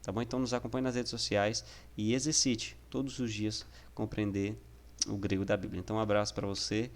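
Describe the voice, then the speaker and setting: A man's voice: on the low side, little pitch movement, brisk. A man with a Brazilian Portuguese accent teaching an online lesson, explaining patiently and often checking in with the listener.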